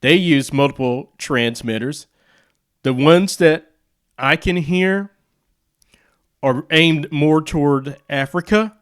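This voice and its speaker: With a medium-pitched, fairly bright voice that sounds clear and resonant, this radio hobbyist and video host from the United States explains things casually. He talks off the cuff, rambling into chatty asides.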